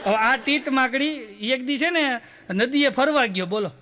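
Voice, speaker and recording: A man telling stand-up jokes, acting out the dialogue in quick voices. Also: very high-pitched, lively intonation, pushed and bright. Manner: storytelling with quick voiced dialogue, "બોલો" tags. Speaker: stand-up comedian.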